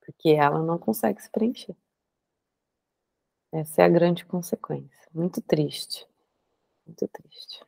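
A Brazilian Portuguese-accented woman speaks as a guest educator in a low, gravelly voice. Her tone is dark and mellow and her delivery somber and measured, heard dry with no room sound. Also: no echo. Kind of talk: interview talk.

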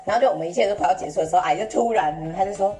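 A young woman with a Taiwanese Mandarin accent telling a story on a podcast, animated and laughing, acting out an old customer's lines in Taiwanese. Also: mid-range voice, very fast, soft background music. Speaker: podcast host. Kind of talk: casual chat, storytelling.

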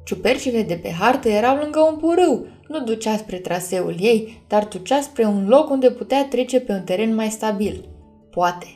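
A woman narrating a fantasy audiobook in a calm, measured reading. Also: fairly high pitch, soft background music. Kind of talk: scripted storybook narration.

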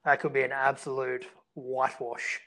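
A man's voice: mid-range voice, monotone, moderate pace, pushed and bright. An Australian man co-hosting a sports podcast in casual chat, laid-back and full of blokey slang. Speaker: fantasy rugby league podcast host.

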